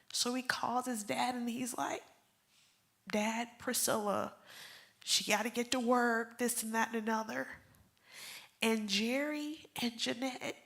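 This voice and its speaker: A woman in her thirties speaks at a memorial service in a bright, fairly high voice. She tells her stories with raw emotion, often sinking to a near whisper before rising again. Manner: emotional, swings from hushed whispers to loud bursts. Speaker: pastor's wife speaking at a memorial. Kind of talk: heartfelt eulogy.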